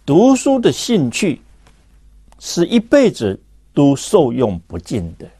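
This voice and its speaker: Slow, deliberate male lecturer. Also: fairly high pitch, wildly swooping pitch, dark tone, husky, dry recording. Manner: deliberate, asks rhetorical questions. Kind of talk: measured didactic lecture.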